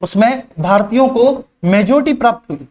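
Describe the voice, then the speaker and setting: A male teacher giving a live online class, speaking slowly and deliberately, repeating key points and calling his students "beta". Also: very high voice, darkish tone. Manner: slow, deliberate delivery.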